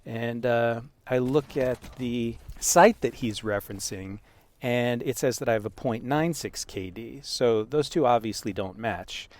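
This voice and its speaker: Amused man telling a gamer story. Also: mid-range voice. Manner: amused, chuckling, halting with frequent asides. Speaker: gaming video creator. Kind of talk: casual storytelling commentary, reading out messages.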